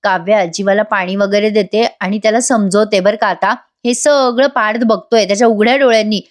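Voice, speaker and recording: A woman's voice: mid-range voice, fairly even intonation, brisk. A woman giving a voice-over recap of a TV serial episode, retelling it animatedly and acting out the characters' lines. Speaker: TV serial reviewer.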